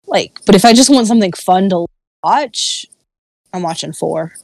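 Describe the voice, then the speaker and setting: A woman co-hosting a casual chat, rambling with many fillers and trailing off quietly. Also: medium pitch, expressive, moderate pace, gravelly, no room sound, clean studio sound. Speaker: podcast co-host.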